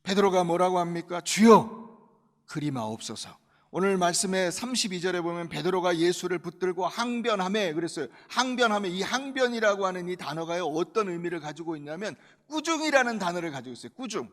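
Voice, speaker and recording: A male pastor preaching a sermon emphatically, swinging between loud and quiet. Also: sits high, animated, fast, few pauses, big-room sound.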